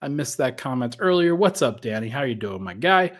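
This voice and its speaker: A man's voice: medium pitch, sing-song, a little fast. A man hosting a casual sports podcast, thinking aloud in a conversational way and sounding a little out of breath. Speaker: podcast host.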